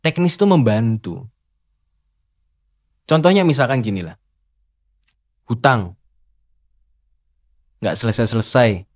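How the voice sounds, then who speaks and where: A man's voice: medium pitch, a little mellow. Guy doing a laid-back spiritual talk, keeps poking at the listener with rhetorical questions. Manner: teasing, rhetorical, challenging the listener. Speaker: host. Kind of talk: casual spiritual monologue.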